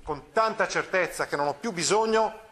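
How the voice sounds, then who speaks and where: A man's voice: high-pitched, expressive, normal speed, bright, forceful tone. A man reading aloud the lines of an indignant elderly friar who sternly rebukes a powerful lord. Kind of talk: reading a novel aloud in class.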